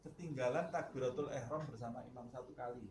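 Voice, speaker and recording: A man's voice: mid-range voice, fast. A male preacher giving a conversational religious lecture, telling stories and asking rhetorical questions. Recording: roomy with background noise.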